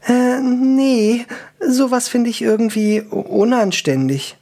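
A man's voice: extremely high pitch, takes it slowly, vocal fry, mellow, voice pushed up, exaggerated voice. A man doing a whiny young elf woman. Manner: whiny, plaintive.

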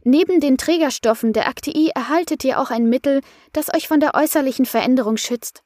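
A woman's voice: sits high, brisk, darkish tone, no room sound, clean studio sound, voice pushed up, lightly acted. Woman doing a soothing, lecturing female coach. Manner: soothing and explanatory.

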